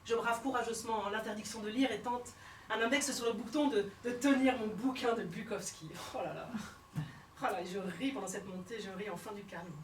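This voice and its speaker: A woman comedian performing a one-woman stage show, telling her story theatrically and swinging between hushed and shouted lines. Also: medium pitch, a little fast, slight background noise. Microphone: fixed camera from the hall. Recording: roomy hall sound from far off.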